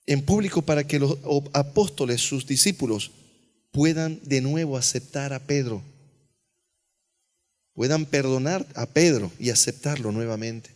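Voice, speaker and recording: A male pastor preaching an earnest sermon, dropping to a hush on key phrases. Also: medium pitch, measured pace. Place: church sanctuary. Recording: long church reverb.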